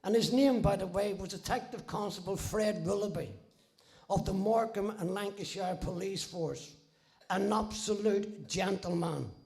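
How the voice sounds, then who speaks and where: Gravelly high-voiced Northern Irish man. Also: moderate pace, a little mellow. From Belfast, Northern Ireland. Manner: blunt, salty, swears freely, wry. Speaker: speaker telling his own story. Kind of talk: casual spoken storytelling.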